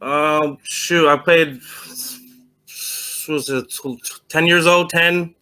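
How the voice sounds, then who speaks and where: A middle-aged man from Vermont talks about his past on a call. His voice is bright and very clear, sitting a little high for a man. He stumbles, restarts and fills gaps with "uh" as he goes. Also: steady tone. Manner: halting, many restarts and fillers. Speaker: guest, former semi-pro football player. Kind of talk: casual interview answers.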